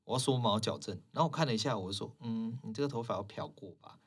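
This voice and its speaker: A man's voice: on the low side, fast, slightly rough. A man, a hairstylist guest in a casual chat, telling stories with animation and acting out the lines of the people he quotes. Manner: animated, acts out quoted dialogue in shifted voices.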